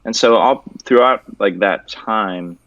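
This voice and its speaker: A young man from Venezuela, talking casually and joking as a guest artist, loose and relaxed, with the odd swear word. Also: fairly low pitch, takes it slowly. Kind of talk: casual interview chat. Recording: dull, dry audio.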